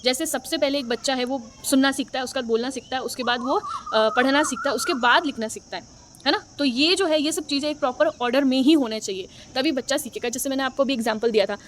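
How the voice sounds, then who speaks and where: High-voiced woman teaching in Hindi. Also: fast talker, background noise. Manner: explanatory, repeats points, frequent "है ना" check-ins. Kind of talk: exam-prep lecture in Hindi mixed with English.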